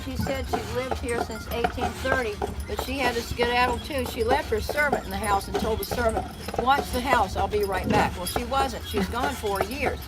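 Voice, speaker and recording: A woman's voice: on the high side, fairly even intonation, a little fast, few pauses, over loud music. An older woman of about seventy giving a chatty, explanatory sightseeing commentary as a tour guide, projecting to her group outdoors. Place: outdoors on a moving open carriage. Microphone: handheld phone a short distance away. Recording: very noisy outdoor phone recording, clopping hooves. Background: loud noise, horse hooves clip-clopping.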